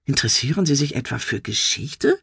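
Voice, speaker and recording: A woman reading an audiobook, voicing a calm, unflustered young female office assistant. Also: very deep voice, fairly quick, creaky, breathy edge, no room sound, studio quality, heavily acted.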